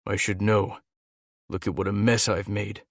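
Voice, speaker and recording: A man's voice: on the low side, flat delivery, measured pace, no echo, clean studio sound. A man voicing Damien, an earnest young gargoyle. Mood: weary. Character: young male gargoyle shifter, steady and earnest.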